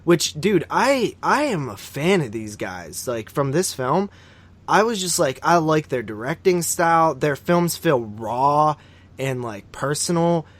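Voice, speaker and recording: A man hosts a horror film podcast, reviewing movies in casual, slangy chat with plenty of swearing and frequent "like" and "dude." His voice is a little high and very animated, at a slightly slow pace.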